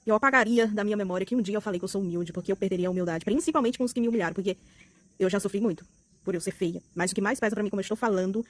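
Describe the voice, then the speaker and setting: A young woman with a Brazilian Portuguese accent, venting outspokenly in a casual vlog, swinging between soft and loud. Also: medium pitch, racing, dry recording. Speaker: vlogger.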